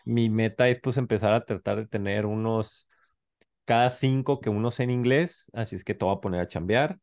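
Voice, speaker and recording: A man's voice: on the low side, normal speed, darkish tone. A man with a Mexican accent hosting a podcast in a casual, slangy, rambling way full of filler words. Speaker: podcast host. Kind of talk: casual chat.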